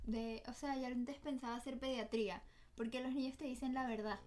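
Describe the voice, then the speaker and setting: A woman with a clearly high voice, chatting on a podcast. She reacts quickly and teases her friends. She mimics the people she talks about. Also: steady tone, a little mellow. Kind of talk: casual chat.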